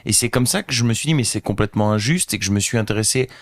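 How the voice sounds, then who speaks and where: A man in his thirties from northern France, guesting on a podcast. His low voice comes across close and dry, and he tells his story in an earnest, reflective way. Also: very fast, no room sound. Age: 30s. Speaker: guest, company founder. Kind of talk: casual interview chat.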